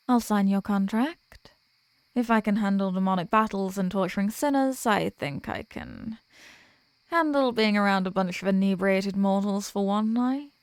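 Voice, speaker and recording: Voiced by a woman, a wry, worldly archdemoness flirts and teases with coy, smug formality in the manner of an intimate roleplay audio drama, her mood warm and flirty. Her voice is natural, medium in pitch and darkish in tone, recorded dry with no echo or room around it.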